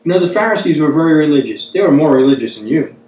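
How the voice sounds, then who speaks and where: Rapid-fire and animated, a man in his fifties with a fairly high, slightly mellow voice preaches through a Bible study, earnestly repeating phrases for emphasis. He sits at a wooden table in a small indoor room. The sound is muffled, echoey, and taken from a distant mic, with a little hiss or hum.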